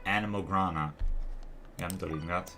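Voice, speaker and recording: Low-voiced and brisk, he keeps his intonation fairly even while sounding bright and forceful. He's a game livestreamer offering casual commentary, pondering aloud and often tailing off into self-doubt. There's lo-fi music in the background, plus keyboard typing and mouse clicks.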